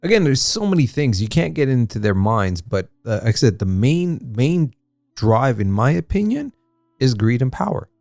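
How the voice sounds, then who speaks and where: A man's voice: mid-range voice, big pitch swings, normal speed, vocal fry, a little mellow, no echo, studio quality, faint music behind. A man co-hosting a casual history podcast, talking in a rambling way with many fillers and restarts. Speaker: podcast co-host.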